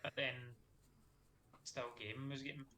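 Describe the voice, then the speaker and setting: Bright-voiced Scottish man chatting easily. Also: mid-range voice, fairly even intonation, unhurried, a little hiss or hum, rough recording. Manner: easygoing, rambling, chatty. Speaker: podcast guest. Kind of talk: casual chat. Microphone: webcam video call.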